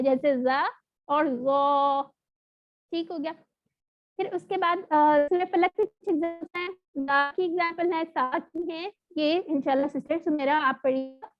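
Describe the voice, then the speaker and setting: A woman teaching an online recitation lesson, explaining patiently and sounding out letters slowly. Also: very high-pitched. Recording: dull lo-fi audio.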